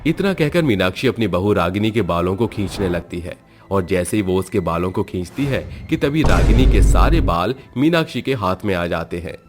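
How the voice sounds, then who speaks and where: A man narrating a storybook cartoon in a steady, scripted way. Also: sits low, normal speed, over music.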